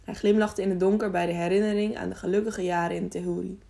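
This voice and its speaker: Mellow, gravelly woman reading a storybook. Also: medium pitch, little pitch movement, fast talker. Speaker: audiobook narrator. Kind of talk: storybook narration.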